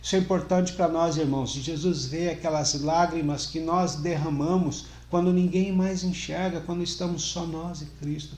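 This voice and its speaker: A middle-aged pastor preaching in a reverberant church room. His voice sits somewhat high for a man, and he delivers the sermon earnestly, swelling louder to press a point and sinking soft for tender moments. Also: steady tone, normal speed, hardly any pauses. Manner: earnest, rises and falls in volume for emphasis.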